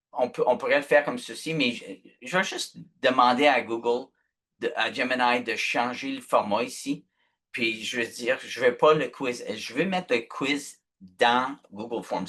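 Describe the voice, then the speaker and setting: A man's voice: medium pitch, fairly bright tone, slightly rough. A man teaching a live online workshop, patient and chatty, checking in often with his class. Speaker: instructor.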